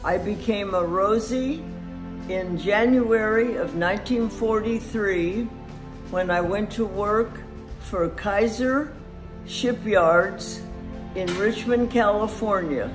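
Slow, sincere elderly woman. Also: medium pitch, over music. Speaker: interviewee, former shipyard worker. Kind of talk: personal testimony.

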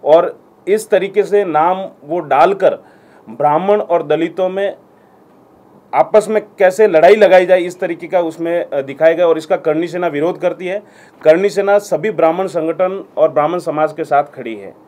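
A man's voice: fairly high pitch, moderate pace, darkish tone. Firm-voiced man making a public statement. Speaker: activist spokesman at a press conference. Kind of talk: press conference statement.

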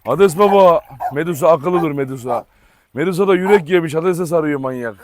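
A man's voice: a little high, a little fast, noisy background. A man vlogging outdoors by a pool, coaxing, teasing and scolding his dogs while chatting to viewers. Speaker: dog owner vlogger. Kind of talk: casual vlog talk to dogs and viewers.

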